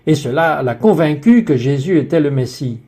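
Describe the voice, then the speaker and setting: A man's voice: on the high side, lively intonation, moderate pace, dark tone. A man giving the French voice-over for a woman guest on a faith talk show, telling her story in an earnest way.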